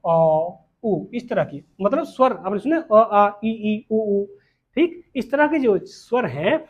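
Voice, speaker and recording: A man's voice: high-pitched, a little mellow, slightly rough. A man with an Indian English accent teaching grammar, often repeating points and asking if students follow. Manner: repetitive, questioning, checks understanding often. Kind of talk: classroom lesson on grammar. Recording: dull lo-fi sound.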